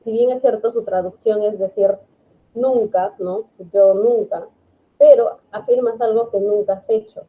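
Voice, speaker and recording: A woman's voice: medium pitch, steady tone, unhurried, slightly rough. A woman English teacher, explaining grammar patiently in an online class and checking understanding often. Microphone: video call. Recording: phone-like online call audio.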